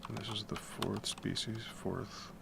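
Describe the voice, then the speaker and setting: A man's gravelly deep baritone, a little slow, drifts through casual late-night chatter as he works on music composition for his stream at home. He's relaxed and rambling, swears casually, and keeps his voice down to stay quiet. Typing and other background noise are noticeable.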